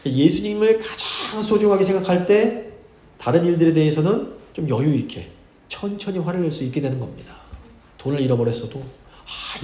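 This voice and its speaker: Man, pastor, earnest measured sermon, higher-pitched voice, roomy church echo. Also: mellow. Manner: earnest, measured preaching with slow emphatic scripture readings. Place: church sanctuary.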